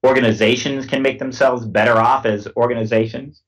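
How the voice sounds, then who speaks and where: A man being interviewed as a guest, explaining things in a measured way with many pauses. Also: medium pitch, steady tone. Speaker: guest, head of a nonprofit security alliance. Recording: distant mic sound.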